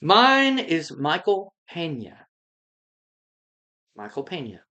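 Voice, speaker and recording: A woman with a low-pitched voice co-hosting a casual movie chat. She speaks in a measured way and often restarts her sentences. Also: sing-song, fairly bright tone. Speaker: podcast co-host.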